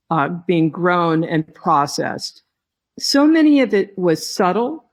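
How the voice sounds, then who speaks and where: A woman who heads a tea company, giving slow, reflective interview answers with her phrases broken by pauses. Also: on the low side. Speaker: tea company head, podcast guest.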